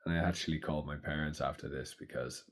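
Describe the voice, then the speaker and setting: A man in his thirties speaking slowly and thoughtfully in a reflective personal monologue. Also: very deep voice, fairly even intonation. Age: 30s. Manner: slow, thoughtful, soft-spoken. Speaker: vlogger.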